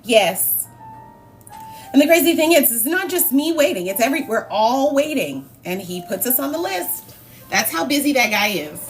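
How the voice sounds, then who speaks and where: A woman's voice: high voice, big pitch swings, normal speed, faint music behind. A woman hosting a cooking livestream, chatting casually and laughing as she answers her viewers. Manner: chatty, laughing, talks to live chat. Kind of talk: casual chat while cooking.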